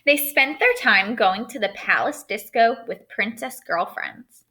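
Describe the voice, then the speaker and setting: Over a noisy background, a woman with a slightly high voice and lively intonation speaks at a measured pace. She is an elementary school writing teacher running a remote lesson, reading a storybook aloud and addressing her pupils with explanations and questions.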